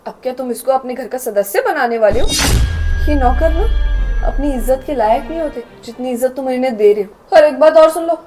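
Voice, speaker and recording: A woman's voice: high-pitched, animated, a little fast, over music. A young woman acting in a scripted skit, talking in a scornful, scolding, arrogant way. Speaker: actress in a short drama.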